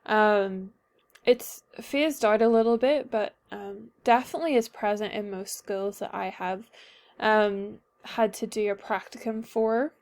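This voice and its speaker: Giving a class paper presentation, this young Northern Irish student sounds a bit ill and fills her speech with ums and pauses. She speaks a little slowly in a mid-range, slightly mellow voice with fairly even intonation.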